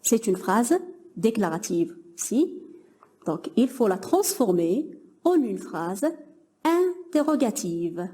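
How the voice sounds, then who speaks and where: Slow, lively-voiced woman teacher. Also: medium pitch. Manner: slow, patient, praises imagined pupils' answers. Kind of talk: French grammar lesson.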